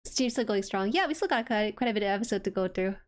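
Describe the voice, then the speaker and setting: Speaking at a quick pace in a soft, medium-pitched voice, a woman runs an anime watchalong stream. She keeps the chat casual and reacts excitably.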